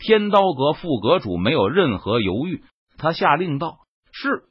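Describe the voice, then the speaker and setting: A man narrating a web novel audiobook in an expressive, dramatic storytelling manner. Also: on the high side, moderate pace, husky, dry recording. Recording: dull lo-fi dry recording.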